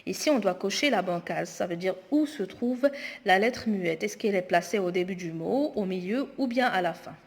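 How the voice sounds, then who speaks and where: A woman teacher going through homework exercises aloud, slowly and deliberately spelling words out. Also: medium pitch, lively intonation. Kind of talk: spoken homework correction lesson. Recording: long echoing reverb.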